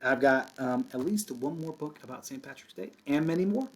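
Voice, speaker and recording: A man with a medium-pitched voice reads a picture book aloud to young children the way a kindergarten teacher would, animated and brisk. He keeps it simple, sing-song, and encouraging, tossing in casual asides.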